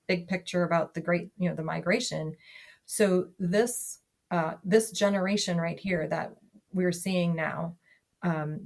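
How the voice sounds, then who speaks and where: A woman's voice: on the low side, darkish tone. A woman talking casually as a podcast guest, chatty, with lots of fillers and restarts. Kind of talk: casual conversation.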